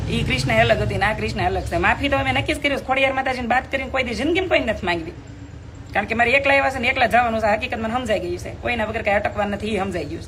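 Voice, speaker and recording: A woman's voice: fairly high pitch, noisy background. A young woman, streaming live from her home, talking outspokenly and emphatically to viewers and reading their comments aloud. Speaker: live video host.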